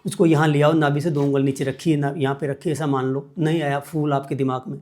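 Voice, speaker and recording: A man's voice: a little high, level tone, brisk, a little mellow. A man teaching meditation as a guest, explaining each step patiently and repeating key points. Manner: patient, repetitive step-by-step instruction.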